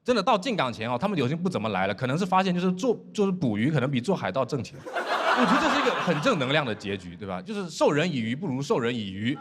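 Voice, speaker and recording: A man from Fujian performing a stand-up comedy set on stage, telling stories in an animated way and mimicking his shipmates in dry, flat asides. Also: a little high, rapid-fire, heavy background noise. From Fujian, China. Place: comedy stage before a laughing audience.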